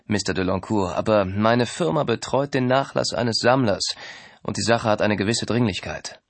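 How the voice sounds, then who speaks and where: A man's voice: on the low side, moderate pace, dry recording. A man voicing a man who puts on a clumsy French accent to pose as a formal art agent. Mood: stiffly formal. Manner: stiff, over-careful, formal.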